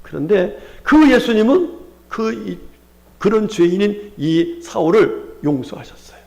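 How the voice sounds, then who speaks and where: Chungcheong pastor guy preaching, high voice, keeps quizzing the congregation, lots of hallelujah. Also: sing-song, measured pace, gravelly, a little mellow. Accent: Chungcheong Korean. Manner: rhetorical questions and call-and-response with the congregation; frequent exclamations of hallelujah. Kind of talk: Sunday sermon.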